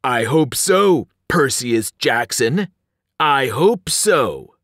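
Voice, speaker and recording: A man reading aloud and voicing a menacing male giant who eats people, drawing out his words slowly and gloating. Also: medium pitch, lively intonation, fairly bright tone, dry recording, studio quality. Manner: slow, gloating, drawn-out delivery.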